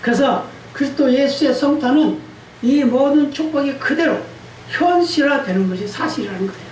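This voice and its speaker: Lady pastor giving a sunday sermon, kinda high voice, quizzes the crowd, roomy church echo from a distance. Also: moderate pace, a little mellow. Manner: quizzes the congregation and calls for amens. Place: church sanctuary. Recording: echoey church hall, distant mic, faint hiss.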